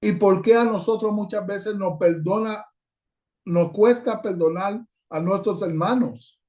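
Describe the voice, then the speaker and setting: A male guest preacher delivers a sermon over a video call with a fairly high, mellow voice. He reads scripture aloud at length and then turns to address the congregation directly as brothers. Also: unhurried.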